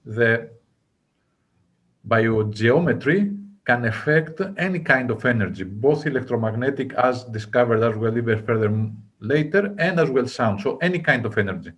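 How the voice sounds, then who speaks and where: Non-native English-speaking male interviewer, mid-pitched. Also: expressive, normal speed. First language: not English. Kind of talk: conversational interview questioning.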